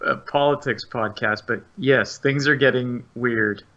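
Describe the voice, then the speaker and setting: A man from Florida, a game designer, speaking as a podcast guest in a measured, roundabout way. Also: mid-range voice, pushed and bright, highs cut off. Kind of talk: casual podcast interview.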